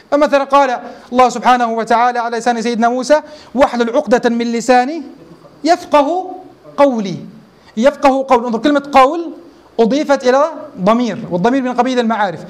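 High-voiced man giving a fast lecture. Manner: poses rhetorical questions to students and checks understanding. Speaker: religious teacher. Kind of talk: classroom lecture explaining a text.

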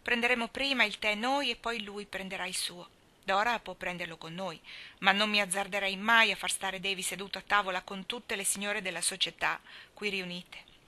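A stern, practical older woman from a storybook speaks in a resigned, matter-of-fact way, voiced by a woman reading aloud. Her voice is bright and partly hushed. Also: mid-range voice, fairly even intonation, normal speed, lightly acted.

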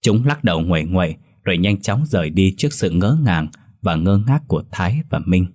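A man narrating a scripted horror story in a steady, even storytelling voice. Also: sits low, brisk.

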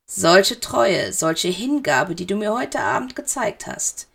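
A cold, cruelly amused male dark lord speaks in a hushed, silky drawl, as a woman reader puts him on. The voice carries a gravelly edge. It is a storybook villain. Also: medium pitch, big pitch swings, takes it slowly, exaggerated voice. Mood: silky menace.

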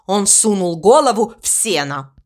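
A woman narrating a children's storybook aloud, expressive and unhurried. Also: mid-range voice.

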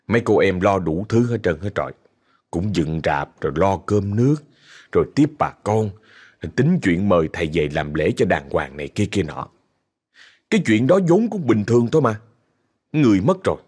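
A man's voice: lowish voice, husky. A man with a Southern Vietnamese accent narrating a ghost story in a chatty way, talking straight to his listeners. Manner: chatty, addresses listeners directly.

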